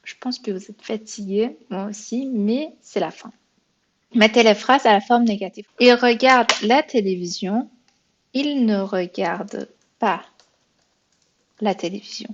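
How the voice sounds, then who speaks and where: A patient woman walks learners through beginner grammar drills at an unhurried pace, musing aloud and correcting herself as she goes. Her voice sits in a middle register, heard through a slightly dull, lo-fi recording. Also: medium pitch. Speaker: French teacher. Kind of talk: beginner language lesson.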